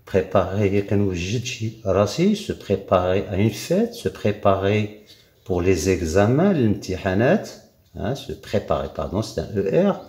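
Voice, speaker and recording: Male teacher, Moroccan accent, deep mellow voice, lively up-and-down delivery, patient repetitive drilling. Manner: drills forms slowly with many repeats and fillers. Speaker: French teacher. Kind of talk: classroom grammar lesson. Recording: echoey room.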